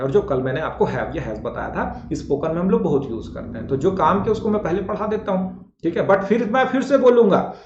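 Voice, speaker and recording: Hindi-speaking man drilling pronunciation, echoey. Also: sits high. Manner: repeats words slowly to drill pronunciation; colloquial, addresses students as bhai and beta. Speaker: English teacher. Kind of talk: classroom lesson. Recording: dull, echoey classroom sound.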